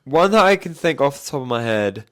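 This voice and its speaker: A man with a soft-edged, mild Scottish accent chats informally in a medium pitch. He tells stories in a loose, animated way, wandering through asides and filler words like a performer among friends. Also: fairly quick, a crowd in the background. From Scotland. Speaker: musical theatre and panto performer, guest. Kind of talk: casual chat, anecdote telling.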